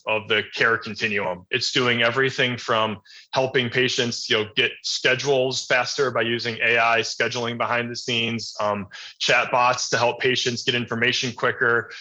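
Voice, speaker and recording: A man answering interview questions about healthcare technology in a measured, explanatory way with frequent ums. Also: medium pitch, pushed and bright. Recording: dull lo-fi audio.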